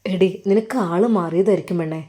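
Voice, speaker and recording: A woman voicing an affectionate older male religious teacher who speaks with a Malappuram Malayalam accent and gives quiet, fatherly advice. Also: on the low side, a little fast, pitched below the performer's own voice, natural voice. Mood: calling.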